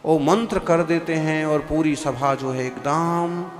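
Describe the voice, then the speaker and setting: A man's voice: on the high side, steady tone, slow pace, big-room sound, music in the background. A man, a Jain monk, giving a sermon to a seated congregation, asking them rhetorical questions and sometimes slipping into a chant. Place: large hall before a seated congregation.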